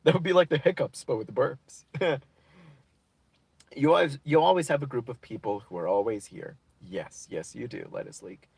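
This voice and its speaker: A man's voice: mid-range voice, moderate pace, creaky, a little mellow, husky, dry recording. A man hosting a casual livestream, chatting and reacting to comments in a rambling, goofy way. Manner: rambling, goofy, improvises silly rhymes. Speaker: livestream host.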